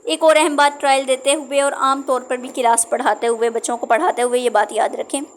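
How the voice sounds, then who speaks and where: High-voiced woman teaching with a sore throat. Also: slight background noise. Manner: steady explaining tone with frequent "theek hai" check-ins. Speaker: Quran teacher training tutors. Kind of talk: instructional talk.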